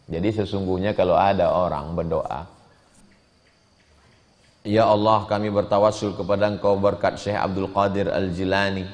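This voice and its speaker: A man teaching a religious study class, telling a story with lively pitch swings, quoting Arabic lines and translating them. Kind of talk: sermon. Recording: long hall reverb.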